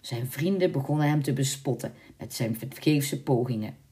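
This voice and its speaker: Brief: deep-toned female storyteller, measured and expressive. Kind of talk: storybook narration.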